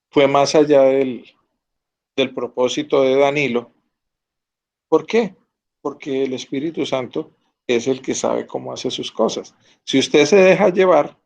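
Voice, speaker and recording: A man's voice: medium pitch, vocal fry, a little mellow. Earnest teacher, man. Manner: earnest, asks students to confirm. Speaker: Bible teacher. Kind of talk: Bible class teaching.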